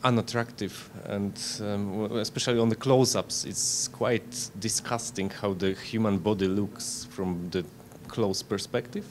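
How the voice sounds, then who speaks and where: A man asking interview questions in a halting, deliberate, analytical way. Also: fairly low pitch, steady tone. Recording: background noise.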